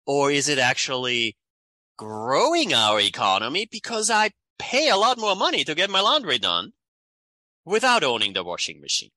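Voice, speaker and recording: A fairly high male voice at a normal pace, recorded dry. He is an Austrian climate economist in his forties with an Austrian accent, speaking animatedly in a conversational interview and often ending sentences with "right?".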